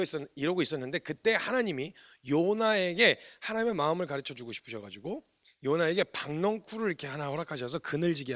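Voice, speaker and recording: A man, a missionary preacher, giving a sermon in colloquial, animated storytelling style, acting out the quotes he tells. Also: a little high.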